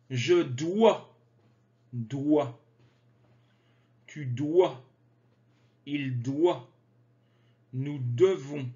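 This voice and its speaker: A man teaching French grammar, slowly and carefully articulating conjugation drills. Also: on the high side, a little mellow. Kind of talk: slow grammar lesson with drills. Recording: slightly dull lo-fi sound.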